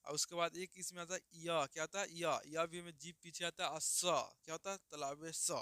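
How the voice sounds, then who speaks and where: A man's voice: a little high, fairly even intonation, pushed and bright, smooth, dry recording, studio quality. A man teaching a grammar lesson, who keeps asking his listeners questions, answers them himself and sounds out each letter for them to repeat. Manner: sounds out letters slowly for students to copy.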